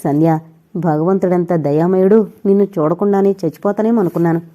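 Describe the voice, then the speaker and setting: A woman voicing a dying young man who speaks haltingly, short of breath, in a storybook reading. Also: on the low side, fairly even intonation, warm tone, lightly acted. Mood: faint.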